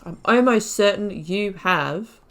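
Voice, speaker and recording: A woman with a medium-pitched, fairly bright voice speaks slowly as she comments on a game she's playing. She's a gaming YouTuber, reading dialogue choices aloud and musing to herself in a laid-back way.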